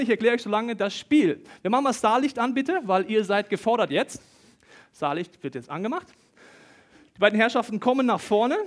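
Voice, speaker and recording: A man preaching a sermon in a church service, speaking conversationally and addressing the listener directly, on a handheld microphone. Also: sits high.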